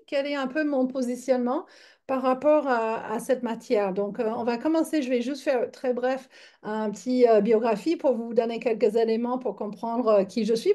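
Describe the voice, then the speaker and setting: Mellow-voiced woman in her fifties from Michigan. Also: sits high. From Michigan, United States. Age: 50s. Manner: chatty, halting, many fillers and restarts. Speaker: yoga teacher. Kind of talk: online lecture.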